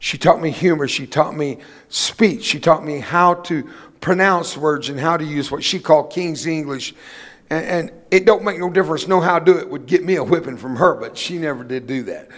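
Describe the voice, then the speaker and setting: An older man whose native language was Spanish preaches a folksy, emphatic sermon as a guest in a church sanctuary, mixing in humorous stories from his own life. His voice is fairly high and his pace normal, with a long reverb tail.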